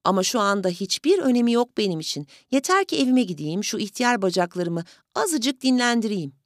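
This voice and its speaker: A woman voicing a small, polite elderly gentleman who pleads with fussy, over-courteous manners in an audiobook story. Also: mid-range voice, big pitch swings, fairly quick, dry recording, studio quality. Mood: courteous pleading.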